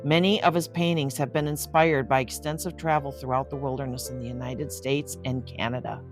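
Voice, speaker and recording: Over music, an older woman reads picture books aloud at a brisk clip in a bass voice with a steady tone. As host, she keeps turning to her young audience with gushing, exclaiming comments.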